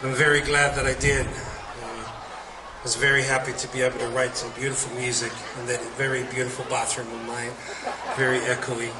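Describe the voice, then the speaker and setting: A man's voice: mid-range voice, flat delivery, moderate pace. A middle-aged man chatting from a concert stage between songs, rambling and heartfelt and often laughing. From New Zealand. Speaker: slack key guitarist performing at a festival. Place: concert stage at an arts center. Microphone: stage microphone. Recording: roomy live concert recording from a distance. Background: loud crowd and hall noise.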